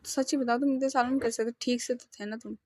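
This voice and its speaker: A woman reading as a soft-spoken, reassuring man who calms others down. The voice is quiet and close, with a dry sound. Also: a little high, fast, no room sound, close to an everyday voice. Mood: gentle.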